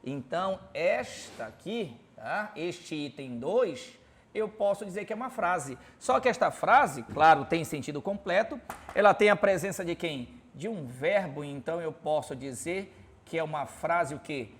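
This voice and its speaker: A man's voice: on the high side, animated, a little slow, slight background noise. Paraense man teaching with quiz questions. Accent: Paraense (Belém). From Belém, Pará, Brazil. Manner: quizzes with constant rhetorical questions and tag "tá?"; writes examples on a board while explaining. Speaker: Portuguese teacher. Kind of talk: classroom grammar lesson.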